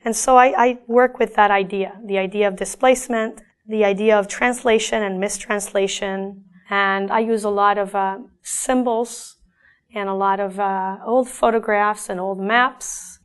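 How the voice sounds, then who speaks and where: A middle-aged Argentine woman, an artist, reflects on her own paintings, speaking thoughtfully but haltingly and often starting her sentences over. Her voice is mid-range with fairly even intonation and a clean tone.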